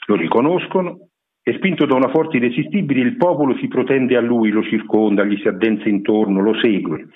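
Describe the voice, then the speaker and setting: A man giving a measured, explanatory radio lecture on literature. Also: mid-range voice, husky. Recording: narrow phone-like radio broadcast.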